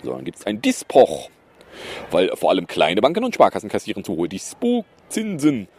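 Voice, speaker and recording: A man's voice: on the low side, wildly swooping pitch, normal speed, darkish tone, a little hiss or hum. A man hosting a podcast, reading news items and adding sarcastic, mocking asides in a loose, hesitant way. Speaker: podcast host.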